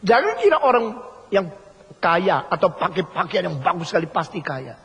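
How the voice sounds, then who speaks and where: A man's voice: sits high, very animated, moderate pace, a bit bright. An older man preaching a sermon emphatically, repeating his key phrases and sometimes mimicking other people. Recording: husky voice in a hall with long reverb.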